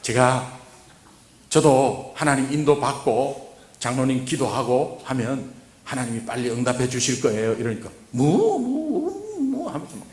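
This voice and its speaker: A man preaching at a revival, telling a story and then exhorting, moving from hushed recounting to loud urging. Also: medium pitch, lively intonation, measured pace. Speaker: guest preacher. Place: church sanctuary. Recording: echoey church hall.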